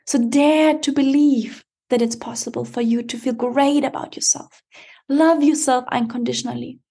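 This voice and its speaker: A woman's voice: high voice, creaky, darkish tone, husky. A woman hosting a motivational podcast, speaking straight to the listener in an emphatic, encouraging coaching style. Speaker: podcast host and empowerment coach.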